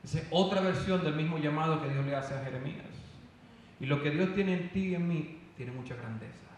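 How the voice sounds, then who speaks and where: A man preaching a fervent sermon with loud emphatic calls. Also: on the high side, brisk, a little hiss or hum. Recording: echoey hall, voice from far off.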